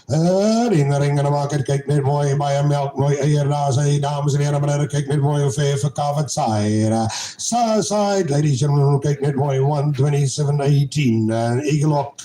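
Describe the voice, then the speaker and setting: A man working as a livestock auctioneer, chanting bids in a fast rhythmic run. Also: a little high. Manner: rhythmic chant of repeated bids, switching languages. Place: cattle sale ring. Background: crowd of buyers.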